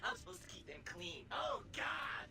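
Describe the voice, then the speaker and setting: A woman voicing a tiny, neurotic robot obsessed with coffee cups, swinging between whispers and shouts. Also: high-pitched, wildly swooping pitch, moderate pace, gravelly, full character voice. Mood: manic lonely. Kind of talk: video game voice acting. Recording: game audio from far off with loud music.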